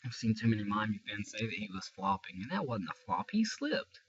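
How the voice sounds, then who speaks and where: A man's voice: lowish voice, sing-song, a little fast, a little hiss or hum. A young man with a stuffy, tired voice talks frankly and ramblingly about a game in a casual fan video. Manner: rambling, frank, restarts a lot. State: congested and tired. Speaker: sports fan vlogger. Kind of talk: casual fan rant to camera. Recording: dull lo-fi recording.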